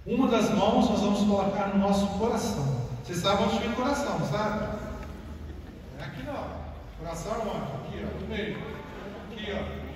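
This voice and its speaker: A man with a Brazilian Portuguese accent preaching to a church group. He calls out questions to the crowd and then speaks softly and slowly. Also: high voice, animated, slight background noise. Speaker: deacon. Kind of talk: sermon talk to a church group. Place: large church sanctuary. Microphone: handheld mic, filmed from the pews. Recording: echoey church from far off.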